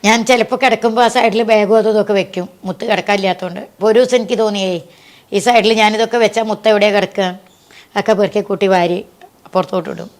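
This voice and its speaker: A woman being interviewed, telling a personal story in an earnest, tender way that sinks soft at the saddest points. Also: mid-range voice, fairly even intonation, quick pace. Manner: earnest and tender, voice sinking soft at sad moments.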